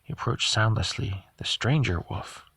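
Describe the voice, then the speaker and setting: A man narrating a novel aloud at a steady pace, sometimes stumbling over a word and correcting himself. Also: on the low side, moderate pace, husky, dry recording. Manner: steady reading with occasional stumbles and self-corrections. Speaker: audiobook reader. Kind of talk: audiobook narration.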